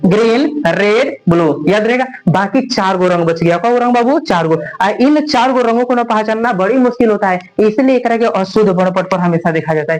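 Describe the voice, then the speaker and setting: A man's voice: very high voice, rough recording. A man teaching physics in a classroom lecture, speaking with a tinge, repeating questions and calling his students "babu". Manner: repeats questions and has students answer, calls them "babu".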